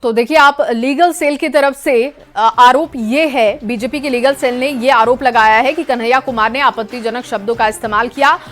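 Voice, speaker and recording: Anchoring a live TV news bulletin, a woman speaks briskly and emphatically as she introduces reports and questions a correspondent. Her pitch is fairly high and her tone fairly bright.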